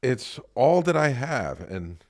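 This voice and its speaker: A man's voice: medium pitch, big pitch swings, slow, darkish tone. A man hosting a casual interview with encouraging prompts. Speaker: interview host.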